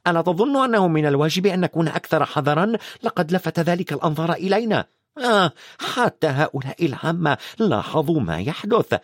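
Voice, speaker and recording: A man's voice: a little high, big pitch swings, quick pace, no room sound, studio quality, voice pushed up. A man voicing a strict, impatient older witch professor in a storybook reading, talking sharply and fretfully.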